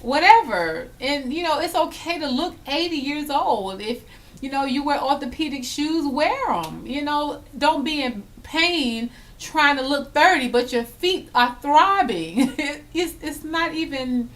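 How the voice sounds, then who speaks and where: A woman's voice: high voice, animated, unhurried, fairly bright tone. A woman in her thirties, a hair vlogger, chatting casually and emphatically while acting out little scenes. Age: 30s. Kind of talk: casual chatty vlog tag.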